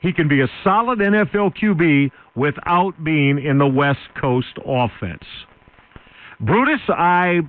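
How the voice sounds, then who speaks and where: A man's voice: fairly high pitch, animated, a little slow, narrow, tinny audio. A man hosting sports radio, commenting in wordy, rather formal phrases. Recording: band-limited radio broadcast.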